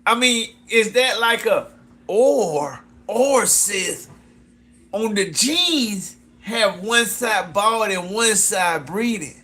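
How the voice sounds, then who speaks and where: A man's voice: sits high, expressive, very slow, bright, forceful tone. A man talking loosely with his viewers about his clothing brand, repeating himself, breaking into whoops and laughs, and calling someone "sis". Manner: loose, repetitive, keeps addressing "sis". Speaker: fashion designer pitching his brand. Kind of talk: casual live chat with viewers.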